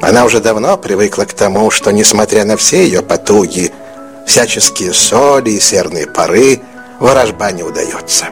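Expressive male audiobook narrator. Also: fairly low pitch, moderate pace, soft background music. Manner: expressive, melodic storytelling. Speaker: audiobook reader.

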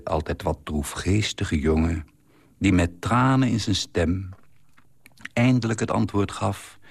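A man reading a short story aloud in a calm, measured, wry way. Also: low voice, gravelly, husky, dry recording.

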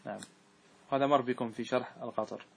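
A man teaching a grammar lesson to a class. He recites verse slowly, asks questions and answers them himself. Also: mid-range voice, fairly even intonation, gravelly, slight background noise. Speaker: sheikh teaching Arabic grammar.

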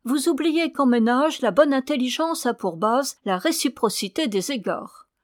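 A woman's voice: on the high side, expressive, normal speed, a little mellow, no room sound, clean studio sound, natural voice. A woman playing a piqued, coquettish young wife. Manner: piqued, affected sweetness.

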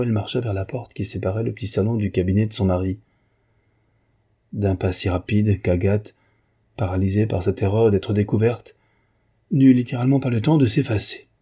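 A man narrating a classic novel as an audiobook, in a measured, expressive reading. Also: on the low side, breathy edge.

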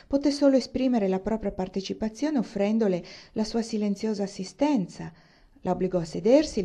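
A woman narrating a classic novel as an audiobook, in a measured, expressive way. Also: medium pitch. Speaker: audiobook reader.

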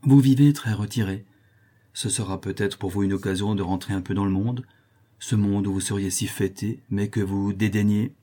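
A man reading a smooth-talking young suitor. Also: on the low side, normal speed, natural voice. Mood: flattering. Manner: smooth, insinuating flattery. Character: suave young suitor, flattering.

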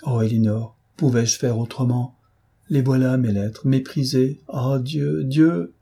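A man's voice: mid-range voice, steady tone, unhurried, mellow, slightly rough. A male reader voicing a heartbroken young woman in an audiobook, speaking in anguished, impassioned outbursts.

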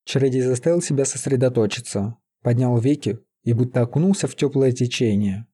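A man narrating a fantasy audiobook in a steady, even reading voice. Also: mid-range voice, fairly quick, husky.

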